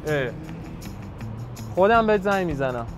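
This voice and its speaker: A man's voice: high voice, lively intonation, over music. A man hosting a hidden-camera prank, staging a furious phone call and then pleading with a stranger. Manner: fake angry phone shouting, then pleading apologies. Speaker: prankster host.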